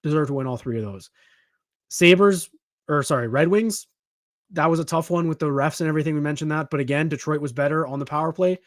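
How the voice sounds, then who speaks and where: A man co-hosting a sports podcast, talking in an emphatic, animated way with frequent restarts. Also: on the high side, fairly quick, no room sound, studio quality. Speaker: podcast co-host. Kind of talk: casual sports talk.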